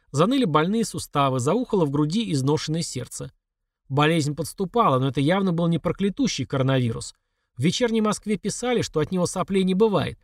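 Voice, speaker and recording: Lively man narrating a dark comic tale. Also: fairly high pitch, dry recording, clean studio sound. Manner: expressive, mock-dramatic reading. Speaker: storyteller. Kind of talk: darkly comic story narration.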